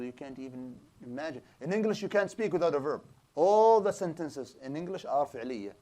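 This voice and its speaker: This male Islamic studies teacher has a fairly high, darkish voice. Teaching a lecture class in a small projector-equipped room, he explains things, poses rhetorical questions to students, and frequently starts over mid-sentence.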